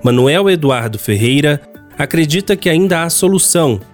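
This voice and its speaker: Brazilian male reporter over clear music. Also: fairly high pitch, lively intonation, moderate pace. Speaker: radio reporter. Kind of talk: scripted news narration.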